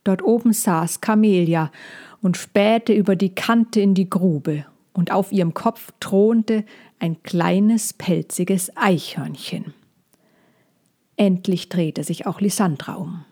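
A woman reading a children's story aloud, calm and measured, often dropping to a hush. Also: medium pitch.

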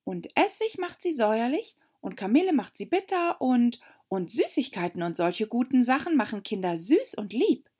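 Woman doing a polite earnest little girl, high and lively. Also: normal speed, hardly any pauses, slightly rough. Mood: eager. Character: polite, thoughtful young girl Alice.

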